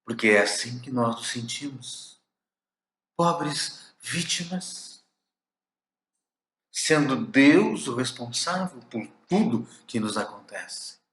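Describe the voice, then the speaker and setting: A man with a Brazilian Portuguese accent giving a spiritist lecture, slow and emphatic, with dramatic pauses and soft drops. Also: mid-range voice, lively intonation, roomy sound.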